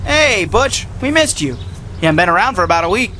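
An actor playing a slick, falsely friendly teenage hustler with a smarmy manner in an audio drama. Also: male voice, high-pitched, big pitch swings, fairly quick, bright, forceful tone, slight background noise, exaggerated voice. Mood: veiled menace. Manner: smarmy, casually menacing.

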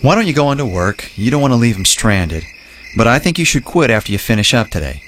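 A firm, gentle father, lively intonation. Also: mid-range voice, a little hiss or hum. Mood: gentle, guiding. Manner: measured moral guidance. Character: firm but gentle, wry middle-aged father. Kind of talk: audio drama acting.

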